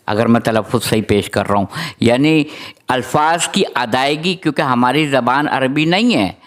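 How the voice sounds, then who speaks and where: Man, sermon, smooth resonant voice, mid pitch, rhythmic recitation of titles. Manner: recites long lists of titles in a steady rhythm; explains Arabic terms to listeners. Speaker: religious speaker.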